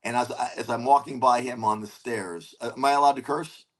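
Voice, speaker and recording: A man telling a comedy story in a casual interview, animated and swearing as he acts out his own lines. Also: medium pitch, brisk. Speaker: comedian guest.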